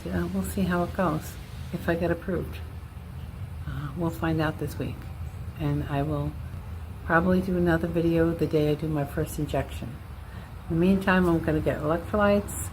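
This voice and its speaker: A woman's voice: on the low side, a little mellow, a little hiss or hum, poor audio. A woman, talking in a candid, rambling, self-deprecating way in a casual personal vlog. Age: 60s. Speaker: vlogger.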